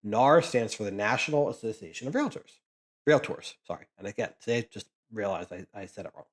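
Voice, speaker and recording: Sorting trading cards for his channel, this Pennsylvania vlogger rambles through casual chat, frequently starting over. He speaks fairly quickly and with animation, in a lowish voice.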